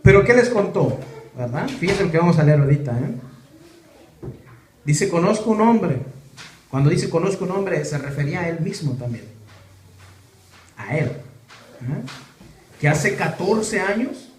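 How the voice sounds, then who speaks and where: A man's voice: a little high, sing-song, measured pace, long pauses. A man preaching a sermon, with many rhetorical questions to the congregation. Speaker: pastor. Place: church hall. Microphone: camera or phone in the room. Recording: echoey church room, faint noise.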